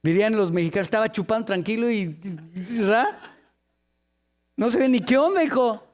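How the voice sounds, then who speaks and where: A man delivers a sermon in a very high voice. He tells the story with humor and slips into different voices for its characters, then turns earnest as he draws out the lesson. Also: normal speed. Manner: lively storytelling with jokes, acting out the people in the story. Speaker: preacher.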